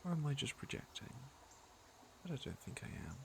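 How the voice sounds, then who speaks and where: Heavily acted and very animated, this mid-range male voice moves a little fast with a fairly bright tone, and there's a slight hiss or hum. He voices a smooth, teasing fantasy villain who flirts yet cares, addressing the listener intimately in second person as ASMR roleplay.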